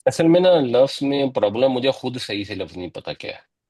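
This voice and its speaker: A man's voice: medium pitch, big pitch swings, warm tone. A man teaching a religious lesson, explaining things patiently and step by step. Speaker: Quran teacher.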